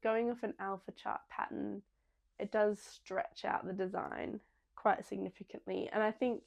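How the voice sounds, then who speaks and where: A young woman talks her way through a relaxed podcast chat. Her voice has a gravelly, fry-laden edge, and she wanders along with frequent ums and self-corrections. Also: medium pitch. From Australia. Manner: chatty, rambling, many ums. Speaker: podcast host. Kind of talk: casual chat.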